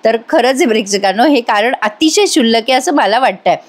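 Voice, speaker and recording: A woman's voice: on the high side, animated, brisk. Chatty woman recapping a TV serial. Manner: chatty, teasing, laughs often, talks to viewers. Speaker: serial reviewer. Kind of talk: voice-over episode recap.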